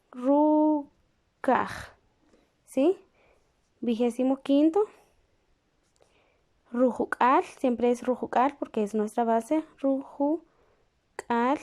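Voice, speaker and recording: A woman teaching a lesson, speaking patiently and pausing to check in with the class. She repeats each word slowly while writing it down. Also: sits high, darkish tone. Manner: checks in with the class through questions. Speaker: language teacher.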